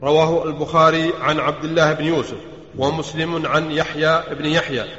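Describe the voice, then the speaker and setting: A man's voice: on the high side, a little fast. Man reciting in an echoey hall. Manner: steady formal recitation. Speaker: student reading aloud. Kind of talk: reading hadith chains aloud in a study circle. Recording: dull echoey hall recording.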